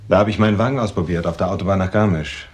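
In a crime drama, an actor plays a guarded, evasive male ex-convict who gives hesitant, curt answers. His voice is deep and husky, and he speaks at a racing pace with a nervous mood.

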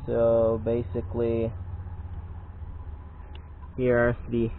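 A man casually explaining car engine work step by step outdoors, halting with many fillers. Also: mid-range voice, monotone, narrow, tinny audio, slight background noise. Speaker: amateur car mechanic vlogger. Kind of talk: casual how-to commentary.

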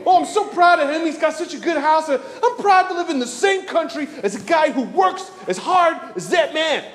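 A man with a New Zealand accent voicing an overexcited, gushing American male fan who shouts with enthusiasm. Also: extremely high pitch, expressive, normal speed, pitched above the performer's own voice. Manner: shouted, over-the-top enthusiasm. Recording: echoey club with crowd noise.

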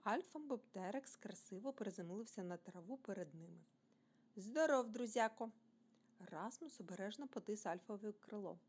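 A woman from Ukraine reading a children's bedtime story aloud, expressive and animated, speaking directly to young listeners. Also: mid-range voice, brisk, few pauses, slightly rough.

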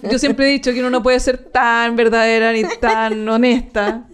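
A woman's voice: fairly high pitch, moderate pace, smooth. A young Chilean woman co-hosting a podcast in casual chat, telling stories bluntly with slang. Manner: blunt, animated storyteller with slang. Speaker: podcast co-host.

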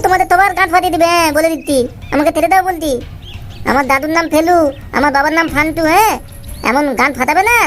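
A woman voicing a cheeky, defiant little cartoon boy who whines and hurls insults. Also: very high voice. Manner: whiny, stubborn, insulting. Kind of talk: cartoon voice dubbing.

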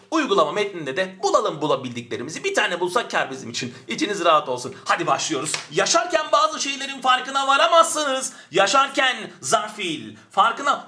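A Turkish language teacher gives an online grammar lesson in a high, bright male voice, drilling students through question-and-answer. He's animated, stretches words for emphasis, and asks and answers his own questions. He sounds a little off-mic because he speaks from a distance to keep the camera mic from distorting.

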